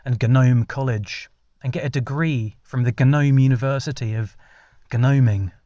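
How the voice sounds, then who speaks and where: A man's voice: mid-range voice, unhurried, warm tone, no room sound, highs cut off, close to an everyday voice. Officious, secretive male gnome innkeeper, voiced by a man close to his own voice, stammering, dry sound.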